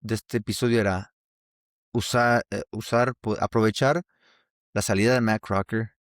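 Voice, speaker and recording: A man from Mexico hosts a casual solo podcast with a Mexican Spanish accent, his fairly low voice holding a steady tone at a moderate pace. His talk rambles with many restarts, and the studio-quality audio has no room sound.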